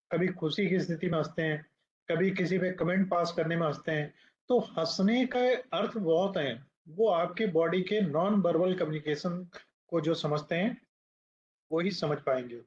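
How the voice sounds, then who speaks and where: A male teacher giving a classroom lecture who explains points slowly, writes on the board and puts questions to the class. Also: fairly high pitch. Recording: dull lo-fi classroom recording.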